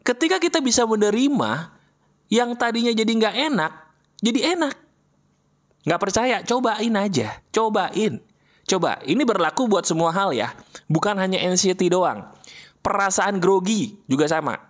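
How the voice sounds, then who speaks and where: A man giving a motivational talk straight to his viewers in a casual coaching tone, repeating key phrases slowly for emphasis. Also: sits high, lively intonation. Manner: casual, coaching tone, addresses listener directly. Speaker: motivational speaker. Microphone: voice-over for an animated video.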